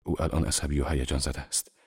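Guy voicing a tense young man in love, storybook, low and hushed. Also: fairly even intonation, husky, heavily acted. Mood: firm.

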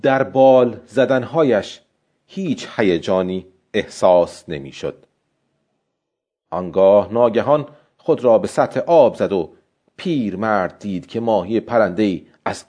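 A man reads a story aloud in calm, steady audiobook narration. His low, mellow voice moves expressively through its pitch. The recording sounds dull and lo-fi.

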